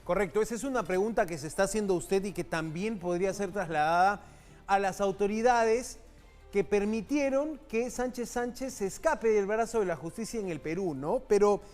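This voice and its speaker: A man from Peru anchoring a live news show, talking briskly and conversationally, speaking straight to the viewer. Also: high-pitched, darkish tone, soft background music.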